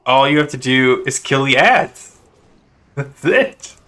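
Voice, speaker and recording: A man giving live commentary while playing a game, venting his irritation at teammates and trying to calm himself down. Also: mid-range voice, takes it slowly. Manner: exasperated, venting, then calming himself down. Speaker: gamer.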